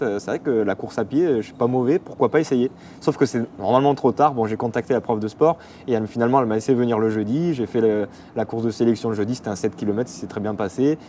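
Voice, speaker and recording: A man's voice: mid-range voice, darkish tone, a little hiss or hum. A man in his twenties from the Paris region, a runner speaking as guest in a casual interview, hesitant with many fillers. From Paris region, France. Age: 20s. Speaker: athlete guest.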